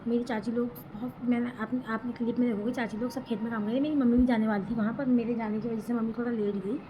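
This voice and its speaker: A woman's voice: on the high side, steady tone, fast talker, muffled recording. A young woman vlogger telling a personal story in a chatty, rambling, emotional way. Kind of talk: casual storytelling vlog. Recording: background noise.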